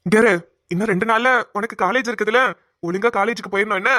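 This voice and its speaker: A woman voicing an injured village husband lying in a hospital bed in a Tamil cartoon, speaking gently and affectionately. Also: mid-range voice, fairly even intonation, fast, natural voice. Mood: tender.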